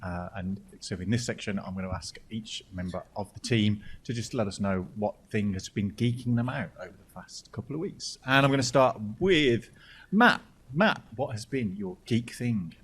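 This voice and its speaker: Speaking at a moderate clip with few pauses, a man with a lowish, breathy-edged voice hosts a laid-back podcast, full of jokes, tangents, and repeated restarts.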